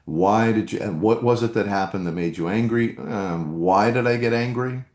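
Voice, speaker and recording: A man's voice: lowish voice, normal speed, darkish tone, reverberant. A man hosting a live meditation workshop, coaching earnestly and reading out chat comments.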